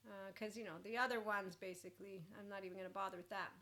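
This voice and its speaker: A woman giving an informal, rambling mentoring talk in an expressive, blunt way, with casual asides. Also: mid-range voice, fast. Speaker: mentor and host.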